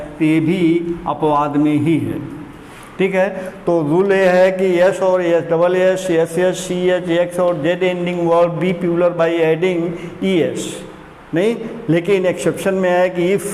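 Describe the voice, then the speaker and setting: A man teaching an English grammar lesson, speaking slowly and deliberately and repeating key words to drill them into his students. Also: sits high, a little mellow, roomy sound, in a large hall, a little hiss or hum.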